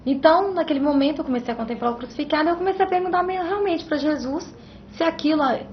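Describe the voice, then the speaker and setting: A woman's voice: high voice, rapid-fire, a little hiss or hum. A woman giving a religious testimony on a TV interview show, telling her story emphatically and often adding little tag questions. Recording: muffled broadcast sound with music underneath.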